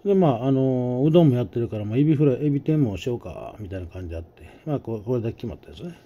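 A man's voice: medium pitch, expressive, very fast, muffled recording. A middle-aged man with a Kansai accent, telling a casual anecdote in a chatty, folksy way and acting out the voices. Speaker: storyteller host.

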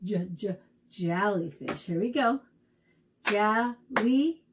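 A woman teaching young children at circle time, speaking in a slow, encouraging, sing-song way as she sounds out letters and claps syllables. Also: on the high side, big pitch swings, noisy background. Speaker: preschool teacher.

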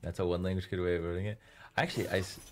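Racing along in a low-pitched, level voice, a young native Farsi speaker gives casual stream commentary, chatting with viewers in a self-mocking, joking manner. He uses a headset in a small room, and faint game music plays behind him.

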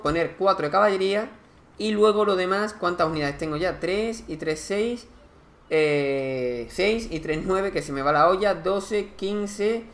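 A fairly high-voiced man talks through a strategy game as he plays. He thinks aloud in a loose, chatty way, counting units and weighing choices. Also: a bit bright. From Spain. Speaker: gaming commentator. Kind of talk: casual let's-play commentary.

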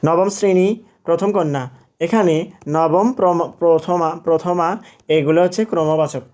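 A man's voice: on the high side, fairly even intonation, darkish tone. A young man teaching, working through exam questions step by step, asking and answering himself and correcting his slips. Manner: drawn-out example words, repeated aloud.

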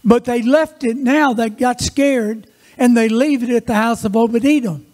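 A male preacher giving a sermon in church, telling Bible stories in a lively, folksy way with joking asides. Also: very high voice, normal speed. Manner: animated, folksy storytelling with asides. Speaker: guest preacher.

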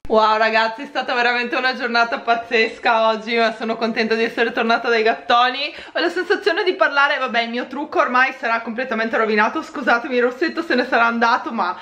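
A woman's voice: a little high, fast, hardly any pauses, dry recording, highs cut off. A woman vlogging casually to camera, chatty as she shows items to viewers, her S sounds slightly odd from new aligners. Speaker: beauty vlogger. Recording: loud background noise.

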